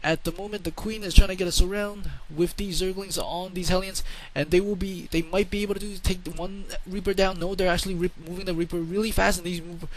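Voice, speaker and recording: A man's voice: high voice, fairly even intonation, a little fast, hardly any pauses, low-quality recording. A man giving casual, rambling play-by-play commentary on a strategy game into a home microphone, often repeating words for emphasis.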